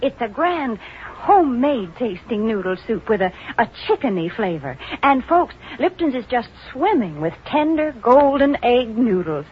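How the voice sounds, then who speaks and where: A woman playing a prim, chiding sponsor spokeswoman with a husky voice in 1940s radio advertising style. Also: on the high side, very animated, unhurried, a little hiss or hum. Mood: cheerful selling. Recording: dull vintage radio recording.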